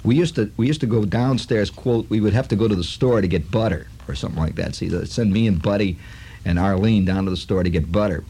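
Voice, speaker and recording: A man's voice: lowish voice, fast, mellow, husky. A man from Chicago hosting a radio show, telling a rambling, wry story full of asides. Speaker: radio host. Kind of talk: storytelling monologue.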